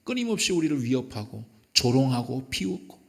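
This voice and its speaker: A man's voice: medium pitch, very animated, a little fast, creaky. A male pastor preaching a sermon emphatically, recorded in a church sanctuary. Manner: emphatic preaching, acting out quotes. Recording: echoey church hall.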